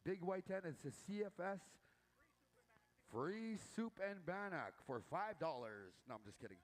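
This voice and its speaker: A man's voice: high voice, expressive, moderate pace. A man emceeing a powwow from an outdoor announcer's booth, making casual, informal announcements and draw calls.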